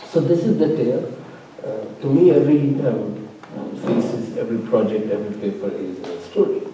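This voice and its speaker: Heard from afar in a large, echoey lecture room, a man whose voice sits on the low side speaks at a moderate pace in a mellow tone, with slight background noise. An immigrant living in Norway, he is the faculty opponent at a thesis defense, giving discursive academic commentary full of fillers and restarts.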